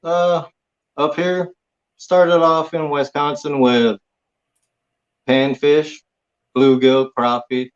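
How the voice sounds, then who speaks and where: A man's voice: a little high, little pitch movement, takes it slowly, long pauses. A man from Hawaii, a guest on a chat show, talking in a laid-back, plain-spoken way with short answers. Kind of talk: casual interview chat. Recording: dull lo-fi audio.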